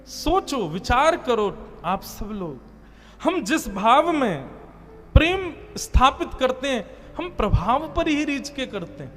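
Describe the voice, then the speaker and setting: A man's voice: very high voice, sing-song, slow pace. A man delivering a sermon, telling a devotional story and chanting verses. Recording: long hall reverb with soft music behind.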